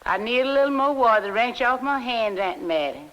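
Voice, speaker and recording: Slow Southern drawl, soothing midwife woman. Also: fairly high pitch, animated, fairly bright tone, rough recording. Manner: soothing, reassuring. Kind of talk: 1950s documentary, talking to a patient while working. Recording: 1950s documentary film soundtrack.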